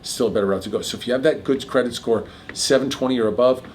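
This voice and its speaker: A middle-aged man hosting a casual chat about mortgages, explaining figures quickly with a jokey manner. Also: medium pitch, darkish tone, slight background noise. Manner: rapid, jokey, piles on figures. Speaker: mortgage broker host.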